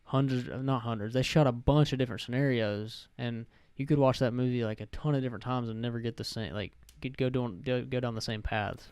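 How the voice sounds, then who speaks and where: A man's voice: medium pitch, steady tone, brisk, hardly any pauses, darkish tone, smooth, no echo. A young man hosting a casual podcast chat, rambling and correcting himself as he goes. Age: young adult. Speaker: podcast host.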